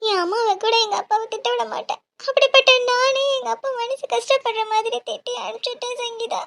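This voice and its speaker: A woman's voice: very high-pitched, fairly even intonation, fairly quick, gravelly, a bit bright, heavily acted. A woman voicing a young female college student in a cartoon, emotional and apologetic. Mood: tearful. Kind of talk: cartoon dialogue.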